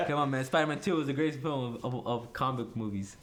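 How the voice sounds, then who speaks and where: Man, film director on commentary track, excitable and giggly, echoey room with faint noise. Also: medium pitch, a little fast. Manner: laughs often, excitable, repeats words. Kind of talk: casual film commentary chat. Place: room with others watching a film. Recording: roomy echo, faint background noise.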